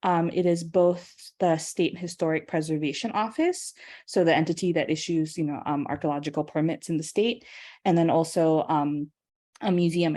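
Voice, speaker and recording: A woman's voice: deep voice, a little mellow. A young woman from Singapore giving an online guest lecture, chatty and casual with many ums and small laughs.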